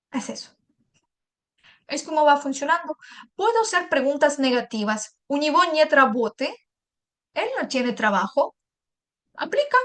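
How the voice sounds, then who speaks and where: A woman's voice: sits high, fairly bright tone. A woman teaching a language lesson, explaining step by step, repeating examples, translating them and checking in with short asides. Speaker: Russian teacher.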